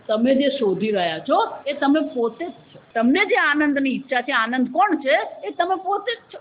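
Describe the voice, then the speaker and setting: A woman's voice: high voice, a little hiss or hum. A woman spiritual teacher giving a Vedanta discourse, telling a story and putting questions to her listeners. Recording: dull lo-fi lecture recording.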